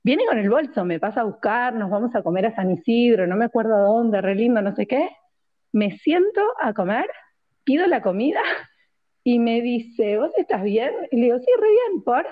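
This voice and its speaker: A woman's voice: fairly high pitch, normal speed, phone-quality sound. A woman in her thirties with an Argentine Spanish accent, a podcast guest animatedly telling a personal story in casual chat. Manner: animated anecdote-telling, voices her own past lines.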